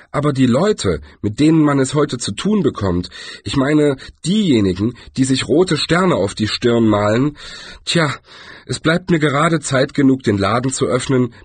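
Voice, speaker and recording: A man reading aloud, voicing a small, breezy, sardonic male shopkeeper in a raised, lively voice. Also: mid-range voice, slightly rough, no echo, voice pushed up.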